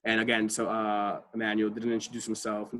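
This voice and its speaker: A man leads an online college advising workshop on a video call in a fairly low, slightly bright voice that is briskly paced and completely flat. He's casual, heavy on fillers, and keeps checking in with "right?".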